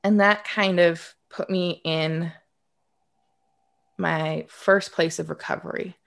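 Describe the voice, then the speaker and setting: Gravelly woman around thirty, candid. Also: lowish voice, fairly even intonation, takes it slowly. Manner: reflective, open, with dry sarcasm and frequent restarts. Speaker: interview guest. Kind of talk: candid conversational storytelling.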